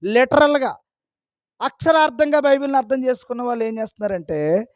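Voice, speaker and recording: A man's voice: very high voice, brisk, no room sound. A man preaching a sermon, scolding his listeners with a stream of rhetorical questions.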